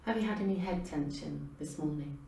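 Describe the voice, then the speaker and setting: An actress playing a detached research interviewer who questions a test subject in a formal, measured way. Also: female voice, low voice, gravelly, warm tone. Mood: clinical. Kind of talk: scripted clinical interview. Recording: roomy, distant mic, faint noise.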